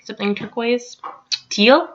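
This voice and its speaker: A woman's voice: on the high side, measured pace, fairly bright tone, muffled recording, a little hiss or hum. A young woman chatting casually over her scrapbooking, rambling with lots of ums and likes. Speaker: crafting vlogger.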